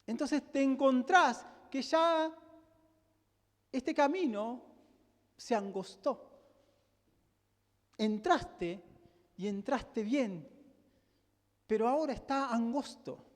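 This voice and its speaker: High-voiced Rioplatense pastor, slow sermon. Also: male voice, lively intonation. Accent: Rioplatense Spanish. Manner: emphatic, asks the congregation rhetorical questions. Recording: long hall reverb.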